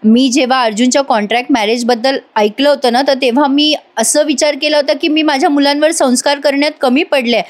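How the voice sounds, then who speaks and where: A middle-aged mother-in-law with a stern, scolding manner, as a woman reviewer puts her on. The voice runs high and sharp. It belongs to a family serial retold aloud. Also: close to an everyday voice.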